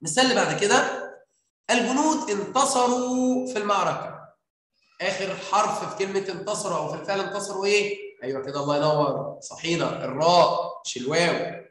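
A man's voice: sits high, quick pace, fairly bright tone. A man with an Egyptian Arabic accent teaching a grammar lesson, quizzing pupils with coaxing questions. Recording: very echoey room.

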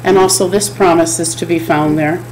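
A woman's voice: on the low side, steady tone, brisk, darkish tone, a little hiss or hum, rough recording. A middle-aged woman giving a chapel sermon from a home office, speaking in an earnest, repetitive preaching cadence into a desk webcam. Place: home office with bookshelves, indoors.

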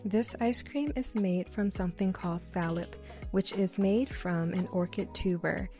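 Woman doing travel vlog voiceover, chatty and easygoing, soft music behind. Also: lowish voice, unhurried. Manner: chatty, informal narration. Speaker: travel vlogger.

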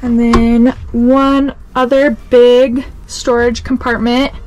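Her pitch runs high with little movement, her pace is slow, and her tone is a little mellow as the young vlogger cheerfully and gigglingly shows off the inside of her camper van. The handheld camera begins close, then wanders, and the audio is poor.

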